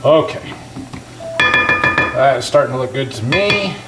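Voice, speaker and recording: A man's voice: mid-range voice, animated, unhurried, over loud music, poor audio. A man talking casually like a home cooking show host, explaining each step in a folksy way as he works in a kitchen. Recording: clear background noise, kitchen clatter.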